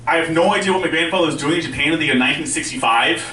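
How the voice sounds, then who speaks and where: A man doing conversational, self-deprecating stand-up storytelling, with a speech impediment that softens his R's toward W. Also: fairly high pitch, very fast. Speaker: stand-up comedian. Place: indoor live stand-up venue with audience. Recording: roomy live club, distant mic, faint noise.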